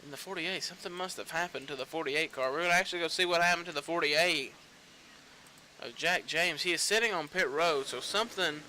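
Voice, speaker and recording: Bright-voiced young male race commentator. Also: a little high, fairly quick, slight background noise, poor audio. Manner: casual, rambling, excited on race finishes. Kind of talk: play-by-play sim racing commentary.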